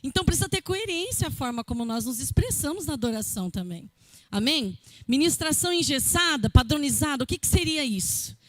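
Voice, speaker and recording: A woman teaching a church worship workshop, lively and often checking in with the audience. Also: high-pitched, a little fast, no room sound. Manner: lively, addresses the audience with frequent "amém?". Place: church event hall.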